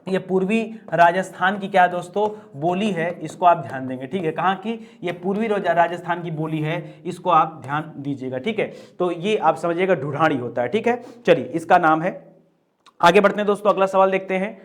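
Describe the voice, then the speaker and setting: A man's voice: sits high, moderate pace. A male Hindi grammar teacher working through an exam quiz, repeating each answer and checking in with the class again and again. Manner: drills answers with repeated "ठीक है?" and "दोस्तों". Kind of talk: exam prep lesson.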